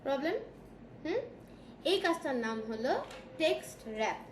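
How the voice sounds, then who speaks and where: High-voiced woman teaching in an echoey classroom. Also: expressive, moderate pace. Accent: Bangladeshi Bengali. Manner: checks in often with questions to students. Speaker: design tutor. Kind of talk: classroom software lesson. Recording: echoey room with background noise.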